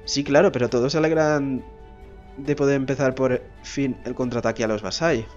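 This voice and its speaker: A man's voice: mid-range voice, steady tone, moderate pace, darkish tone, highs cut off, faint music behind. A man reads game dialogue aloud in a gameplay video. Between the lines he makes casual asides and swears mildly when frustrated. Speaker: gameplay commentator.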